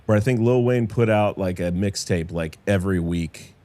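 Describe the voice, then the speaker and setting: A man's voice: low voice, normal speed, dark tone. A man hosting a casual podcast chat, profane and teasing. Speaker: podcast host.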